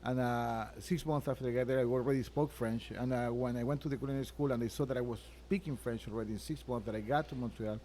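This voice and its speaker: A man with a mellow, relaxed voice at a medium pitch, answering interview questions about himself. He talks earnestly, stops and restarts his sentences often, and is recorded inside a restaurant. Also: slight background noise. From Venezuela. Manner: earnest, halting, with frequent restarts. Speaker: chef and restaurant owner, guest.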